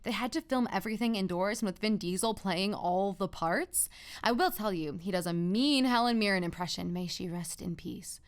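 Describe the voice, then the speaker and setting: Wry, clear-voiced apocalypse radio host, played by a woman. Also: mid-range voice, normal speed, close to an everyday voice. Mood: awkward, rambling. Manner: wry, awkwardly upbeat, rambling. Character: cheerful, self-deprecating young woman radio host surviving the apocalypse. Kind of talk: scripted comedic radio monologue, chatty.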